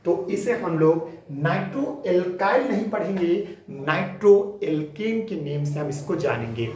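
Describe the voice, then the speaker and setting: Echoey Hindi-speaking chemistry teacher, set back. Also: male voice, high-pitched, animated, a little slow, a little mellow, far from the mic. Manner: explains step by step, calls students 'beta'; checks understanding with rhetorical questions. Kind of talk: classroom lecture. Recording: echoey room, mic set back, faint ambience.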